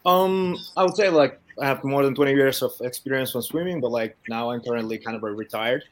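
A man from Finland, a native Finnish speaker, talking politely in slightly halting English as a caller on a video call. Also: medium pitch. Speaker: caller, retired swimmer. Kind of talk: casual chat.

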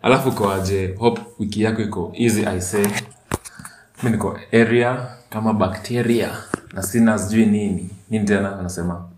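A man's voice: on the low side, fairly even intonation, brisk, darkish tone, slight background noise. A man with a Kenyan accent hosting a podcast in casual, slangy chat, often repeating words. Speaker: podcast and radio host. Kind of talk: casual chat mixing English and Swahili slang. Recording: roomy echo.

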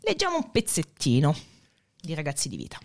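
A woman co-hosting a casual discussion show, explaining lively and readily agreeing with her partner. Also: deep voice, fairly quick. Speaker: podcast co-host.

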